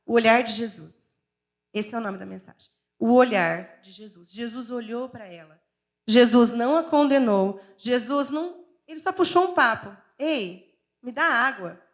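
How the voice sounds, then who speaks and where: Chatty, high-voiced Brazilian woman pastor. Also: normal speed. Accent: Brazilian Portuguese. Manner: chatty, expressive, self-mocking and candid. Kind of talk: sermon. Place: church.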